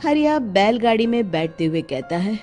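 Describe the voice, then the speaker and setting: Woman storyteller: mid-pitched, expressive narration over soft music. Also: normal speed.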